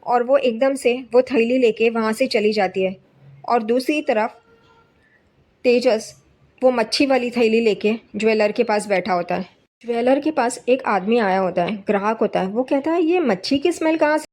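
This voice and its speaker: A woman's voice: a little high, a little mellow. A woman narrating a casual recap of a TV serial episode, retelling scenes and quoting the characters' lines in a plain voice.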